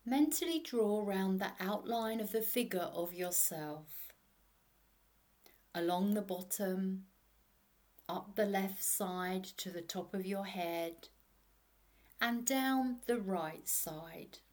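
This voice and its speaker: This guided meditation is narrated by a woman with a mid-range voice, in a calming sleep story manner. She stays hushed and unhurried, letting long pauses hang.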